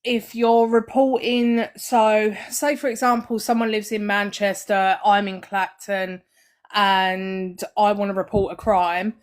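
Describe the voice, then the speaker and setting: Woman streamer just chatting, explains stuff plainly, mid pitch. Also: little pitch movement, slow. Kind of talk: casual live-stream chat.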